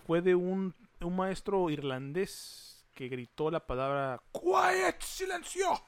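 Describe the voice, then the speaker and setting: A man's voice: on the high side, slow pace, a little mellow, smooth. A man with a Mexican Spanish accent and Chicano-style slang, chatting casually and teasingly as a podcast co-host. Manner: teasing, wordplay-prone banter. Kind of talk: casual, slangy joking chat.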